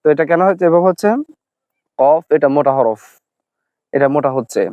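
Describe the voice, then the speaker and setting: A man with a fairly high, crisp, smooth voice patiently teaches pronunciation, repeating each sound slowly. The recording is dry and a bit dull and lo-fi. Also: no echo. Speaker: Quran recitation teacher. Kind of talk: Arabic pronunciation lesson.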